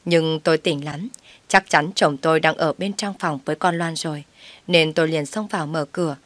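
A woman narrating a dramatic first-person story in a brisk, plain way. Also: low voice, fairly even intonation, dry recording.

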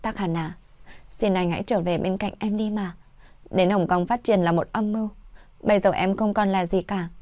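A woman's voice: mid-range voice, fairly even intonation, normal speed, mellow, no room sound, lightly acted. A woman voicing a clingy, weepy young ex-girlfriend who pleads in tears, in a read-aloud story. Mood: tearful begging. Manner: pleading, tearful.

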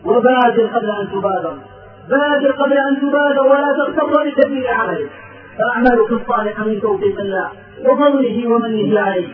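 A man's voice: extremely high pitch, fast. A man preaching a sermon in a fervent, rhythmic way, telling a story and reciting verse. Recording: tinny, echoey, distant, with music.

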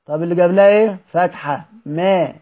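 In a recorded lesson, a man with an Egyptian Arabic accent teaches Quran recitation, posing questions, answering them himself and slowly drawing out example words. His voice is high-pitched and the audio is dull.

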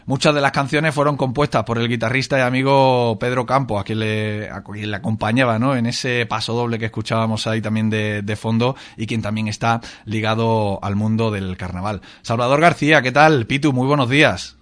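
A man hosting a radio interview, speaking in a measured way with frequent filler sounds. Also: mid-range voice, fairly even intonation, a bit bright. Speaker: radio host.

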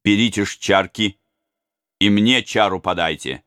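A man's voice: fairly low pitch, unhurried, fairly bright tone, smooth, no echo, clean studio sound. A man reading a solemn noble prince. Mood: earnest. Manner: earnest and solemn. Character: noble young prince, earnest commander rallying men. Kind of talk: audiobook reading.

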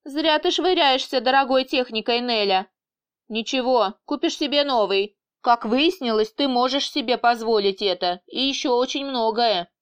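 A woman voicing a calm, mocking male boss who is stuck in a woman's body, with a teasing, unflappable manner. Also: a little high, moderate pace, clean tone, natural voice.

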